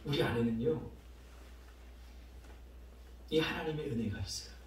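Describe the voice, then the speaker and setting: A middle-aged man preaching a sermon as pastor, telling stories in an animated way, acting out the voices of people he quotes, and laughing often. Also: medium pitch, quick pace. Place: church sanctuary. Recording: very echoey church hall from far off, faint noise.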